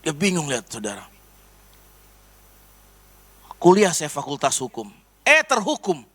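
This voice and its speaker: A man's voice: fairly high pitch, big pitch swings, a little slow, darkish tone, breathy edge. A man preaching a personal testimony, telling his story animatedly to the congregation. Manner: storytelling, addresses congregation as saudara. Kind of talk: sermon testimony.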